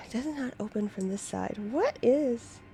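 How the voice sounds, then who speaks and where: Slow-talking giggly young woman streamer. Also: a little high, lively intonation, vocal fry, dark tone, a little hiss or hum. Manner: giggly, chatty, talks to herself while playing. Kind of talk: casual gameplay commentary.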